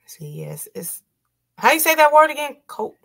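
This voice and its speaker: A woman's voice: high-pitched, very animated, moderate pace, creaky, a bit bright. A woman hosting a casual livestream chat, reading viewer comments aloud and laughing often. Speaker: livestream host.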